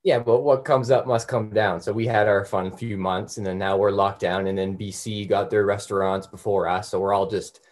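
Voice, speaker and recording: A man's voice: on the low side, little pitch movement, moderate pace, few pauses. A man speaking as a comedian guest in a casual interview, griping in a wry, blunt way.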